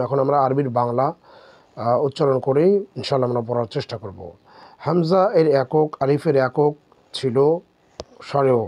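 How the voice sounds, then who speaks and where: A man teaching Quran reading step by step, spelling out letters and drawing out syllables slowly. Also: medium pitch, darkish tone, no room sound. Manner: slow, drawn-out syllable drills. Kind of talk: step-by-step recitation lesson.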